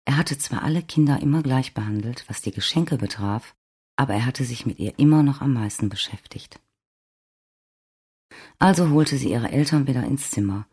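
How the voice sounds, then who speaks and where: A narrator reading a story in a calm, measured way. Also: mid-range voice, slightly rough. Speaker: audiobook narrator. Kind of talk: scripted narration.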